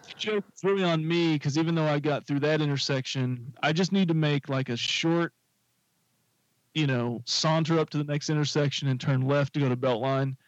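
In a dry, muffled recording, a man with a voice on the high side casually rambles through a lengthy anecdote as a podcast co-host on a talk show. His tone stays steady and his pace moderate, with plenty of fillers and asides in this casual storytelling chat.

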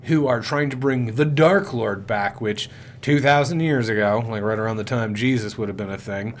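A man's voice: mid-range voice, normal speed, slight background noise. Rambling, profane male podcast co-host. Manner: rambling, profane, lots of fillers. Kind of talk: casual movie review chat.

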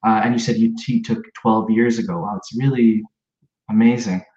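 A man's voice: fairly low pitch, fairly even intonation, moderate pace, darkish tone. A man hosting a podcast interview, chatting casually with plenty of fillers and restarts. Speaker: podcast host. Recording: echoey room, slightly dull sound.

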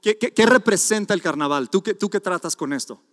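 Guy preaching a sermon, kinda high voice, lots of hall echo, chatty with the crowd. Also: fairly quick. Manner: animated storytelling with audience asides. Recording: long hall reverb.

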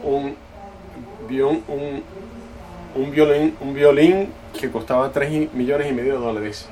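A male preacher telling a personal story during a sermon in a casual, halting way that often corrects itself. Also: medium pitch, fairly even intonation, dark tone, soft background music. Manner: conversational, halting, self-correcting. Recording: distant mic, noisy room.

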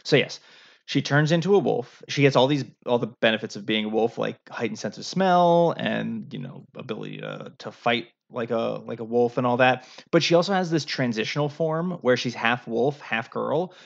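Gravelly man rambling casually. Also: mid-range voice, animated, moderate pace. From United States. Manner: rambling, with frequent fillers and restarts. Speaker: podcast co-host. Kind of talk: casual chat. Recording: dull lo-fi sound.

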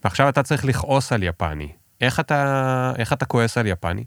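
A man's voice: mid-range voice, lively intonation, no room sound, clean studio sound. A man with an Israeli accent hosting a casual chat, asking informal questions and repeating words for emphasis. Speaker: podcast host, interviewer.

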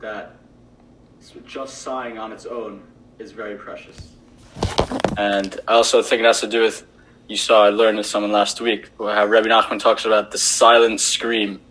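A man taking part in a study group discussion, speaking haltingly and searching for words with frequent restarts. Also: lowish voice, level tone, a bit bright, slight background noise, rough recording.

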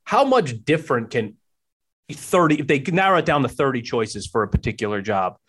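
Guy in his 40s doing a casual interview, mid pitch that moves around a lot, agreeable, encouraging. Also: big pitch swings, moderate pace, fairly bright tone, slight background noise. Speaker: interviewer, host.

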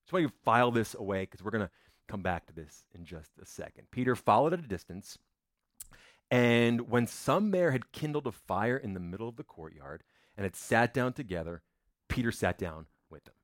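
A man's voice: lowish voice, expressive, moderate pace, no room sound. Conversational male pastor preaching, dry sound. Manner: conversational, emphatic preaching with repetitions. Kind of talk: sermon. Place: church.

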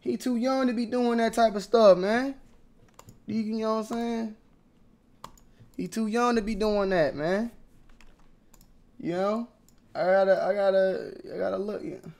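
A man's voice: sits high, steady tone, measured pace, gravelly, long pauses. Slangy young man ranting about sneakers. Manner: slangy, repetitive, swings from mumbling to loud angry outbursts. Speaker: sneaker vlogger. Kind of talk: casual ranting commentary.

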